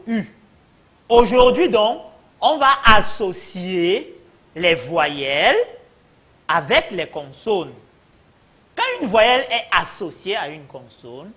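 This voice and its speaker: A man teaching young children to read, sounding out letters and syllables slowly and clearly, calling the class his friends. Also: a little high, bright, forceful tone. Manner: slow, drawn-out sounding of syllables. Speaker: primary school teacher. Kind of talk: children's reading lesson.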